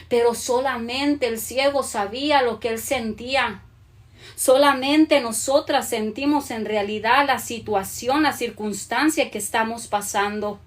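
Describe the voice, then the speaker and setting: A woman preaching a sermon to a women's group, reading scripture aloud and slowing down on the verses. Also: on the high side. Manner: earnest, slows down when reading scripture.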